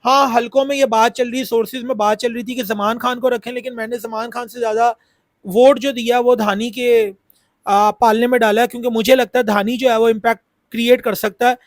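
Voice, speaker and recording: Here a man from Pakistan, a cricket YouTuber with a sore throat, talks quickly in a very high-pitched voice that barely moves in pitch. There's no echo as he offers casual, repetitive cricket analysis peppered with fillers.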